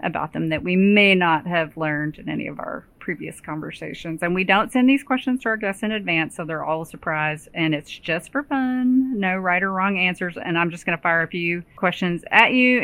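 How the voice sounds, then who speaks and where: An American-accented woman hosting a podcast, conversational and expressive, with emphatic reactions. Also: fairly low pitch, moderate pace, few pauses. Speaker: podcast host.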